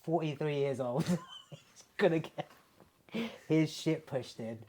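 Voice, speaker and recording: A man's voice: a little high, slow, darkish tone. A man, a podcast guest who chats casually, jokes around and swears freely. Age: 30s. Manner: jokey, playful, swears freely. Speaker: guest, martial artist and sports massage therapist. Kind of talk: casual chat.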